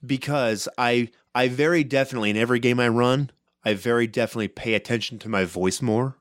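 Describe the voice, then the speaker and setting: A man co-hosting a podcast about running tabletop games, talking loud and fast in casual chat and tagging many sentences with "right?". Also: medium pitch, no room sound, clean studio sound. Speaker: podcast co-host and game master.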